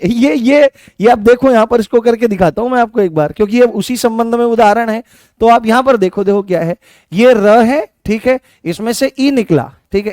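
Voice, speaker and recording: This man teaches grammar online for exam prep in a Rajasthani Hindi accent, his voice high for a man yet darkish in tone. He repeats things patiently, coaxes students by questioning them and calling them beta, and replies to viewer comments by name, all captured in a close, dry recording with no room sound.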